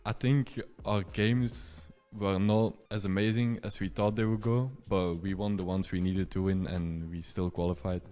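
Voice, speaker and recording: A man's voice: sits low, steady tone, normal speed, hardly any pauses, dark tone, soft background music. A young man in his twenties from Belgium, an esports player giving a casual interview and saying "like" a lot. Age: 20s. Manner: casual, peppered with "like".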